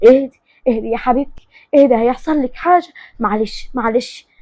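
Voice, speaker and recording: Gentle young Egyptian woman, voiced by a narrator, coaxing, high voice. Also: fast talker, no echo, lightly acted. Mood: soothing. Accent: Egyptian Arabic. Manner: soothing, coaxing. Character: caring young female friend.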